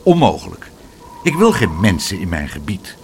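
A man's voice: low voice, huge pitch swings, moderate pace, a little hiss or hum, pitched below the performer's own voice, heavily acted. A man voicing a fussy, grumpy grown man who runs weather experiments, peevish and scolding. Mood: cross.

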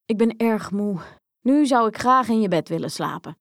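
A woman voicing a small, persistent talking frog who croaks now and then and pleads eagerly, in a storybook reading. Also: medium pitch, expressive, normal speed, dry recording, clean studio sound, lightly acted. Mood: insistent.

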